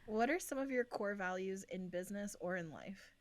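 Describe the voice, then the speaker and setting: A woman's voice: medium pitch, animated, normal speed. A woman co-hosting a podcast, asking questions in casual chat and encouraging her guest. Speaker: podcast co-host.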